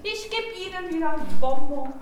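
A woman's voice: extremely high pitch, lively intonation, moderate pace. A woman playing a sweet, chatty, coaxing candy seller in improvised theatre, with a sing-song delivery. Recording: very echoey room, off-mic, faint noise.

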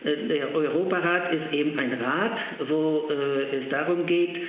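A man with a slightly high voice speaks on an echoey telephone line as a guest in a phone interview, representing a language centre as an official. Polish is his first language, and his speech is halting, full of filled pauses.

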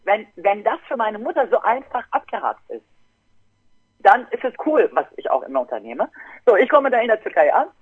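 A woman in her fifties, an interview guest, telling a story in a lively way and acting out her relatives' voices over a phone line. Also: mid-range voice, brisk, slightly rough, no echo. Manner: animated, acts out family members' voices. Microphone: telephone. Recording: tinny dry phone line.

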